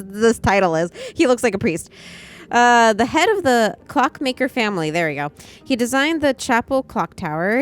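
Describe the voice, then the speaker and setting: A woman streaming a puzzle game, chatting casually and reading text aloud haltingly, often swearing and stumbling over names. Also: a little high. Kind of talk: casual gaming livestream chat.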